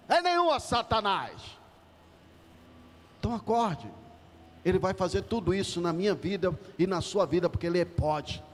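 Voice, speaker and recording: A middle-aged pastor from Salvador, Bahia, Brazil, preaches a sermon with a high-sitting voice, emphatically calling out to the congregation. The church hall gives his voice noticeable reverb.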